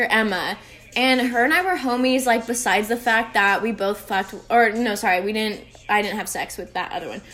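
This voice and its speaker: A young woman from Oregon hosting a podcast, telling a story in a rambling, scattered, profane way while high. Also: fairly bright tone. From Oregon, USA. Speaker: podcast host. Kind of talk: casual storytelling monologue.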